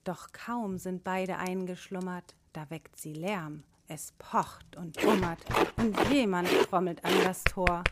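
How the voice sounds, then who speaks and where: A woman narrating a rhymed children's storybook in a measured, sing-song way. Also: on the low side, heavy background noise.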